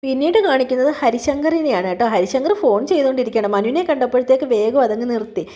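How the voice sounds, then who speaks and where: A woman's voice: high-pitched, quick pace, warm tone. A woman casually retelling a TV serial episode in a chatty way, quoting the characters in turn and dropping in frequent filler asides. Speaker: serial recap vlogger.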